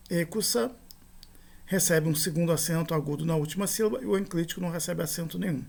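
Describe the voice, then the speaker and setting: A man, teaching a grammar lesson in a methodical way, repeating terms and slowing down on each example word. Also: high voice, creaky, darkish tone. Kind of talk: grammar lecture.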